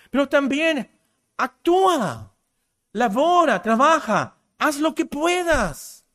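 A man's voice: sits high, a bit bright. A man preaching a sermon with passion, repeating short phrases to drive points home.

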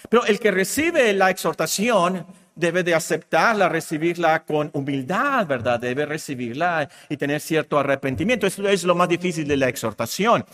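Lively high-voiced preacher. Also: male voice, moderate pace. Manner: animated, swinging from loud emphasis to hushed asides. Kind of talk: sermon. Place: church.

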